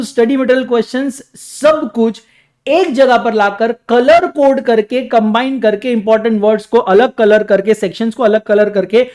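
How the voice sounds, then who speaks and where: A young man, a coaching teacher, giving an energetic, salesy pitch for his new book, with dramatic emphasis.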